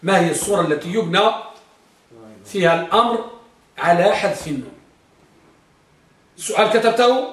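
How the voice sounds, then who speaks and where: A man teaching grammar to a class, dictating slowly, repeating phrases and quizzing his students. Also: high-pitched, expressive, a bit bright. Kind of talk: classroom lesson. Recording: echoey room from far off.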